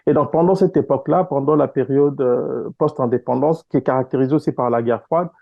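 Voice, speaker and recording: Guest, male, from Congo, measured explainer with hesitations, dull lo-fi call sound, dry. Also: mid-range voice, creaky, no room sound. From Congo (DRC). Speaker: guest author. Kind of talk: interview answers. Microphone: online call.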